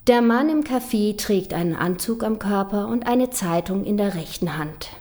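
A woman's voice: medium pitch, lively intonation, normal speed, a little mellow. A woman with a Danish accent performing rhyming slam poetry, ironic and mocking, slipping into whispers for secret lines. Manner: rhythmic rhyming delivery with ironic, mocking emphasis. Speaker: spoken-word poet.

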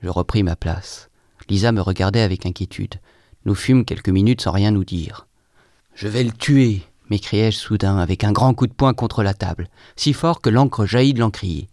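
A man with a fairly low voice reads a first-person novel aloud, dramatic and expressive. He moves from feverish cries to near-whispered murmurs. The sound is dry and close. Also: moderate pace, dry recording. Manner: expressive, swings from feverish outbursts to hushed murmurs. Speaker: audiobook narrator.

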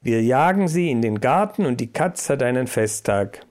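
A man's voice: mid-range voice, lively intonation, normal speed, a little mellow, lightly acted. A man voicing a fat, blunt male mouse henchman with an offhand manner. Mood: dismissive.

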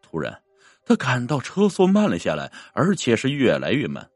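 A man narrating a dramatic story in an expressive, theatrical manner. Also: normal speed, no room sound, faint music behind. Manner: expressive, swinging pitch.

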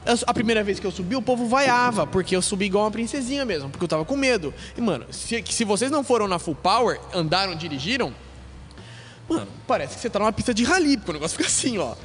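High, fast-talking Brazilian man telling a story. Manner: animated, profane, quick-talking; acts out other people's lines. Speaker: podcast guest. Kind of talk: casual storytelling.

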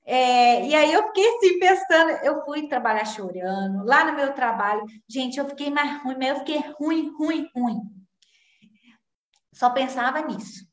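A woman telling personal parenting stories in a candid, confessional and animated way. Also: high voice, measured pace, roomy sound. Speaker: guest parenting speaker. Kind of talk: conversational storytelling.

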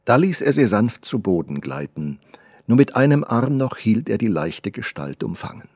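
A man narrating a classic novella as an audiobook reader, measured and expressive. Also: fairly low pitch, husky, no echo, studio quality.

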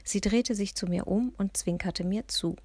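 A woman's voice: mid-range voice, moderate pace, slightly rough, no room sound. A woman narrating a children's story in the first person, bringing the dialogue to life. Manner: lively storyteller voicing the dialogue. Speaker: audiobook reader.

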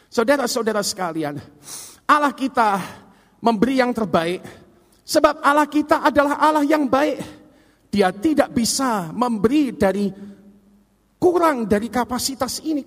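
A male pastor preaches in a high, emphatic voice, now and then searching for the right word. His voice rings out with a long reverb through the church hall. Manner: storytelling, emphatic, searches for words. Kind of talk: sermon.

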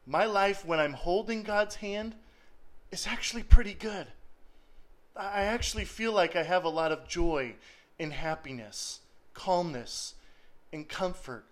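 A young man preaching a sermon, animated and laughing often, sometimes dropping to a soft hush. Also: high voice, a little slow. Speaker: pastor.

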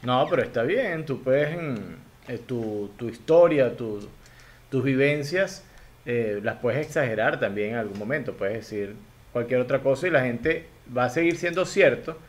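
A man's voice: medium pitch, lively intonation, moderate pace. Brief: male host, friendly and encouraging, casual questions. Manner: encouraging, asks questions and affirms. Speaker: interviewer.

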